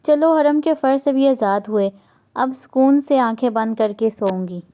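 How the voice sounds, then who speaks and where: A woman with a high voice and dark tone reads from a novel, voicing an older grandmother who is proud and softened as she dotes on her granddaughter.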